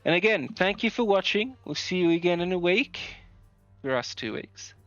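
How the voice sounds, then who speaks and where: A man's voice: high-pitched, moderate pace, no echo. A man serving as game master, chatting casually and jokingly with his players and swearing freely. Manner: relaxed, jokey, swears casually. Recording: dry, slightly dull, faint music.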